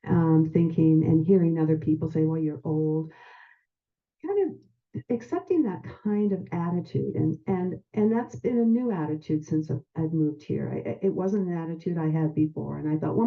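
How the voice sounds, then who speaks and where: A woman in her sixties giving a personal account as a radio interview guest, with emphatic repetition and searching pauses. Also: low voice. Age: 60s. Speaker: interview guest, health practitioner. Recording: slightly dull, muffled radio sound.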